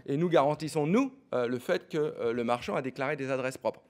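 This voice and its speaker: A middle-aged man giving a fast business pitch, full of fillers and repeated words. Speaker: startup executive pitching.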